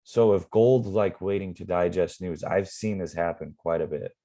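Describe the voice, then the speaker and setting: A man explaining live trading in a relaxed, rambling way with many fillers, his voice going hoarse. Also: low-pitched, normal speed. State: losing his voice. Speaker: forex trading mentor.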